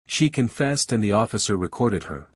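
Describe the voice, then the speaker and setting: Husky low-voiced man narrating a recap. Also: expressive, normal speed, no room sound. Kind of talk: scripted narration.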